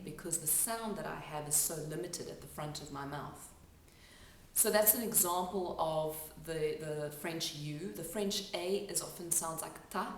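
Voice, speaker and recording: A woman who works as an accent coach gives a spoken lesson, explaining sounds step by step and pausing to demonstrate them. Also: deep voice, a little hiss or hum. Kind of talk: instructional talk to camera. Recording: echoey room, mic at a distance.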